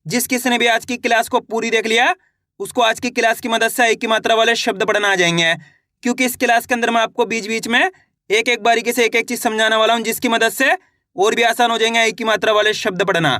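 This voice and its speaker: A man teaching Hindi reading in an online lesson, spelling out syllables slowly and asking rhetorical questions. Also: very high voice, fairly even intonation, bright, forceful tone, dry recording, studio quality.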